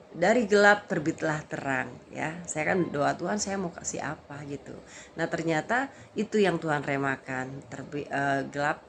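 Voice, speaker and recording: A woman's voice: low voice, creaky, a little hiss or hum. A woman vlogger and street evangelist who tells a story in casual vlog style and keeps addressing her viewers as brothers and sisters.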